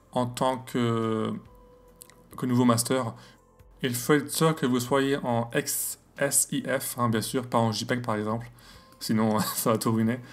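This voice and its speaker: This screen-recorded astrophotography software tutorial is hosted by a man with an English accent and a mid-range voice. He talks casually, hesitating often, with frequent fillers and self-corrections.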